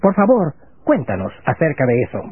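A man hosting a religious radio program, asking questions in a formal, measured and reverent manner. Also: a little high, huge pitch swings, slightly rough, no room sound. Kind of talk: scripted religious radio interview. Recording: phone-like lo-fi radio broadcast.

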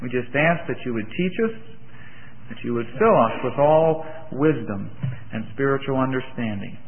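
A man preaching a sermon at a pulpit microphone, talking in a relaxed, conversational way with some false starts. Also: mid-range voice, moderate pace, a little hiss or hum. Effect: pulpit microphone through a church sound system. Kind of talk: sermon with bible reading and prayer. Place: church sanctuary. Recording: thin phone-like sound with long hall reverb.

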